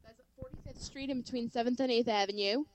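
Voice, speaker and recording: A young woman co-hosting a podcast, chiming in with quick chatty remarks. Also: a little high. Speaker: podcast co-host. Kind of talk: casual chat.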